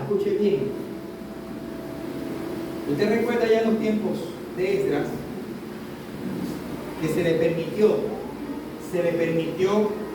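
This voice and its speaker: A man preaches with an emphatic pastor's delivery and keeps urging his listeners to pay attention. His voice sits high, and it rings through a very echoey church hall. He stands well away from the mic, with clear noise behind him. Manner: emphatic, repeats "escuche bien" to the congregation. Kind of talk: sermon. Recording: echoey church room from far off, noisy.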